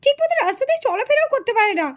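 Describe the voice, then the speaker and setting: Brief: woman doing a very high, scolding, quarrelsome village aunt for a puppet cartoon. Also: animated, very fast, muffled recording. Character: hot-tempered young village woman, aunt.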